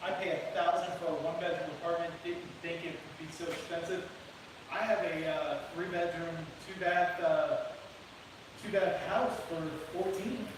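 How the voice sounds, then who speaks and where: A man's voice: high-pitched, fairly even intonation, normal speed. A man co-hosting a casual live stream, offhandedly reading viewer comments aloud inside an empty new house. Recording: distant echoey voice with hiss.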